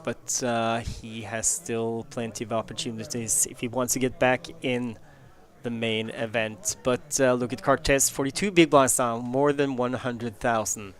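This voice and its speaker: A man's voice: mid-range voice, fairly even intonation, measured pace. A man giving play-by-play commentary on a live poker tournament.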